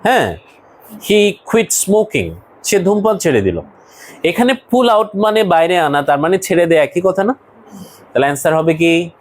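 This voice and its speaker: A man's voice: high-pitched, big pitch swings, brisk, rough recording. A man teaching an English lesson to a class, explaining words one by one and asking students questions.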